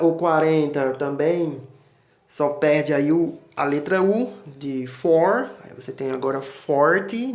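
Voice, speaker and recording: A man's voice: fairly high pitch, darkish tone. Patient man teaching, echoey room. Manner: patient, repeats "né?" often, spells words out letter by letter. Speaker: English teacher. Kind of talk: explaining English numbers to students.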